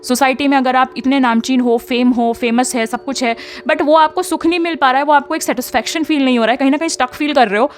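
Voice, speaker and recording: A woman's voice: high voice, quick pace, few pauses, soft background music. A young woman, giving chatty spiritual guidance as a tarot reader and often checking in with her listeners. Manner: chatty, mixes English into talk, frequent tag questions.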